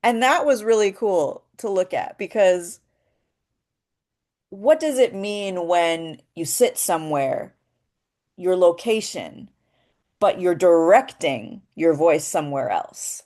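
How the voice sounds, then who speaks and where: A woman's voice: lowish voice, expressive, slow, warm tone. A woman teaching voice acting in a casual spoken lesson, explaining her ideas step by step and often asking "right?". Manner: explanatory and thoughtful, with frequent "um" and "right?".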